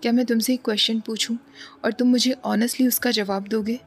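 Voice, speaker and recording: A woman's voice: fairly high pitch, steady tone, fairly quick, husky. A woman voicing a brooding, bossy young man who keeps pressing and coaxing in a storybook reading.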